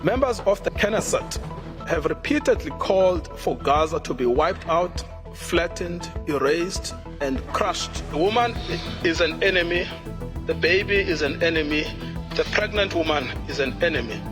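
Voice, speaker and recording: A man presenting a formal legal argument in court, solemn and measured. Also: on the high side, lively intonation. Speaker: lawyer addressing a court. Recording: music bed under the voice.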